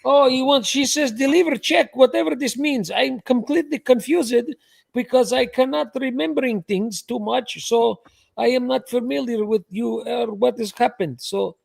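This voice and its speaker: A man putting on a confused, forgetful caller who leaves a loud voicemail in halting broken English on a livestream prank call. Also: very high-pitched, creaky, no echo, voice pushed up, exaggerated voice. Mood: exasperated. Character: confused middle-aged man with a fuzzy memory, leaving a voicemail.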